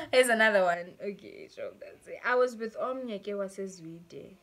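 A woman's voice: mid-range voice, moderate pace. A young South African woman with a South African accent, reading viewers' stories aloud and reacting with frequent laughter, mixing English and Xhosa. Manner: animated, laughs often, mixes English and Xhosa. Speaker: YouTuber.

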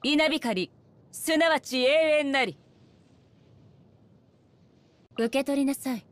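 A woman playing a regal, solemn female shogun and swordswoman in a game, speaking formally and with measured stateliness. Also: sits high, no echo. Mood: stern, commanding. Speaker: voice actor. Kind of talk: Japanese anime-style game character voice lines.

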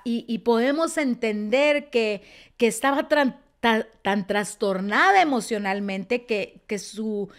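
A woman teaching a Bible story, telling it expressively and often dropping to a soft, quiet tone. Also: on the high side. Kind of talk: teaching sermon.

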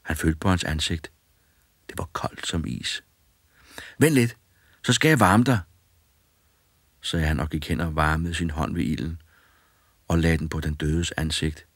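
Brief: deep male audiobook narrator, calm and measured, dry studio read. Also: no room sound. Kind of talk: audiobook fairy tale narration.

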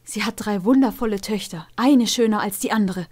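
A kindly old stallion who tutors a young princess, voiced by a woman reading a storybook. He speaks gently and in a fatherly way, close to the reader's own voice. His tone is soothing and protective. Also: medium pitch, a little fast, close to an everyday voice. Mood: reassuring.

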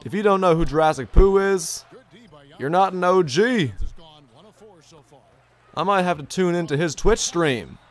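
A young adult gaming streamer plays a basketball video game from his indoor bedroom setup, reading his chat in an upbeat, chatty way and repeating his own phrases. His voice is high-pitched with lively intonation, at a measured pace with long pauses. Long hours of streaming have left it a little strained.

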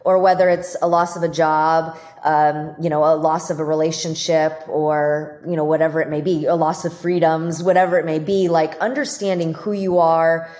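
A woman's voice: low-pitched, flat delivery, normal speed, few pauses, a little mellow. A woman doctor as a podcast guest, talking reflectively in a casual conversation with frequent fillers. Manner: reflective, talks with many fillers and "like".

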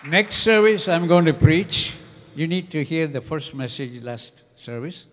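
A man's voice: on the high side, animated, a little slow, slight background noise. An older man, a senior pastor, chatting and joking as he introduces the next preacher on a church stage, holding a handheld mic. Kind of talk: church announcement. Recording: reverberant church hall with soft music.

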